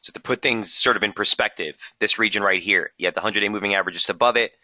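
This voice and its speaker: A man hosting a live trading webinar, brisk and technical, losing his voice and clearing his throat now and then. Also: fairly low pitch, bright, forceful tone, dry recording, lo-fi sound. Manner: brisk, technical, addresses viewers as guys. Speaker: market strategist hosting a webinar.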